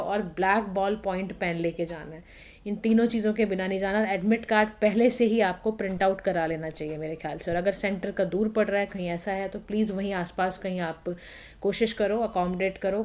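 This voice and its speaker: A woman in a casual teaching voice walks her viewers through exam rules. Her pitch sits in a middle range. She keeps checking that they are following and drops English words into her talk. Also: steady tone, brisk, a little mellow. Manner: chatty, addresses viewers directly with frequent checks like "theek hai na"; mixes English words into Hindi. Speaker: exam prep channel host. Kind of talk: informal instructional talk.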